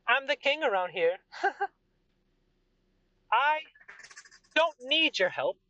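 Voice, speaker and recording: A man voicing a vain, greedy fantasy king who sneers and boasts in a loud, raised voice. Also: very high voice, big pitch swings, drawn-out words, no room sound, pitched above the performer's own voice, heavily acted. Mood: boastful. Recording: dull lo-fi sound.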